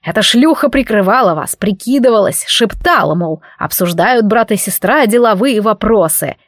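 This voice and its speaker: A woman's voice: medium pitch, expressive, moderate pace, lightly acted. A woman voicing a cruel, vengeful male count who sneers and threatens. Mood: sneering menace. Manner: sneering, menacing.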